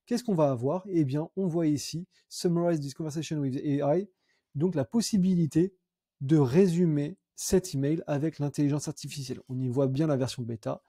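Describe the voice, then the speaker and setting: A young man demoing software in a screen-recorded tutorial, chatty and thinking aloud with fillers and self-corrections. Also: on the high side, moderate pace, breathy edge, dry recording, clean studio sound. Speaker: CRM consultant demoing software.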